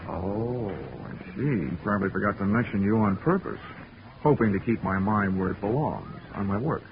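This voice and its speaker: An actor in a 1940s radio drama voices a wisecracking male insurance investigator who tells his case in his own words with dry, wry humor. His fairly low voice is expressive at a moderate pace, over a dull, noisy period recording with music.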